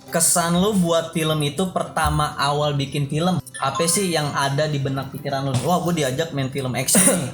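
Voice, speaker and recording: Chatty host man. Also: medium pitch. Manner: chatty, friendly slang, addresses viewers. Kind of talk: casual chat, reading viewer questions.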